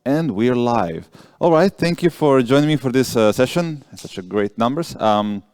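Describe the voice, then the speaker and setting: A man's voice: mid-range voice, lively intonation, moderate pace, darkish tone, clean tone, no room sound, studio quality. A man from Croatia giving a technical conference talk, chatty, with jokey asides and frequent self-corrections. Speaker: conference speaker.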